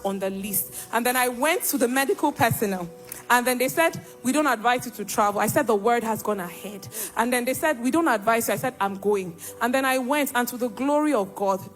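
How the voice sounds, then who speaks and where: A young woman giving an emphatic church testimony and acting out the dialogue as she tells her story. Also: on the high side.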